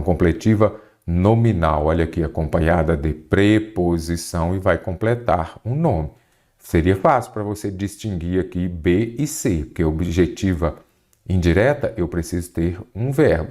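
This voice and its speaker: A man's voice: sits low, darkish tone. A Brazilian man teaching an exam-prep grammar lesson, posing rhetorical questions and answering them himself. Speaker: Portuguese teacher.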